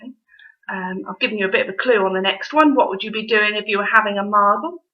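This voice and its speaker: A woman's voice: mid-range voice, steady tone, quick pace. A woman with a Norfolk accent gives an informal, teacherly presentation with quiz questions, explaining as she goes. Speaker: dialect society presenter and quiz host. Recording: dull, lo-fi audio.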